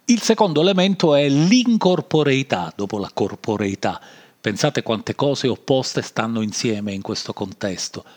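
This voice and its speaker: A man with a nasal voice and a Sicilian accent hosts a solo podcast off the cuff, halting and backtracking as he goes. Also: mid-range voice, lively intonation, darkish tone. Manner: halting, rambling, often backtracking. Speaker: podcast host. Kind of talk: improvised solo podcast monologue. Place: home-made podcast recording.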